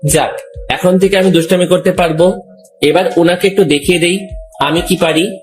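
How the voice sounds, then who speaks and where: Young man narrating calmly, slightly high-pitched. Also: normal speed, faint music behind. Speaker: narrator and male lead. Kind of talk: first-person story narration.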